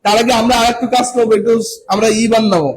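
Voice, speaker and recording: A man with a high voice teaches a class, firing quick questions at his students and answering them himself. He draws out the important words and leans hard on them. A faint hum of the room sits behind him. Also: poor audio. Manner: keeps quizzing students with rhetorical questions, then answers himself; drawn-out, emphatic stressing of key words. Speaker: coaching teacher. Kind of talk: classroom lecture.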